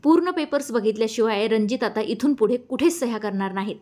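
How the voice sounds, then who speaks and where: Woman voicing a young woman teacher, calm, firm, steady, fairly high voice. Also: moderate pace, natural voice. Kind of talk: audiobook character voice.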